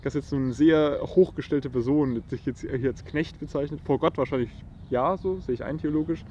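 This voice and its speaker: A man's voice: on the high side, normal speed, a little mellow, muffled recording, slight background noise. A man in a casual study discussion, speaking thoughtfully, searching for words and repeating himself. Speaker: student discussing a historical document.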